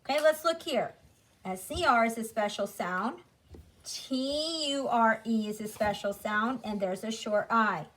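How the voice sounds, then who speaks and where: Woman teaching phonics, slow and careful, kinda high voice, draws out every sound for the kids. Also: fairly bright tone. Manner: drawn-out, over-enunciated sounds for children to repeat. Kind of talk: slow, deliberate phonics lesson.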